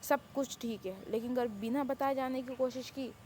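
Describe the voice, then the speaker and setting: A woman voicing a possessive male vampire king who teases and threatens in a low, soft voice. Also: moderate pace, slight background noise, close to an everyday voice. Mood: menacing. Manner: teasing, calls her baby, low threats. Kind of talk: Hindi fan-fiction audio story.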